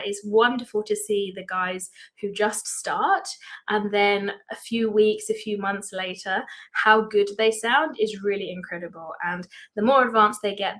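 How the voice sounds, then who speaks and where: A woman's voice: mid-range voice, fairly bright tone. A woman hosting a casual livestream interview as a language teacher, upbeat and full of effusive praise. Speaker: language program host and teacher.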